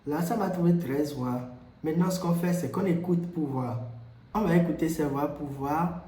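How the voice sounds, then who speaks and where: A man presenting a software tutorial, explaining steps with frequent hesitations and repeats. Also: a little high, moderate pace, slight background noise. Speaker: tutorial host. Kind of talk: screen-recorded software tutorial. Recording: echoey room.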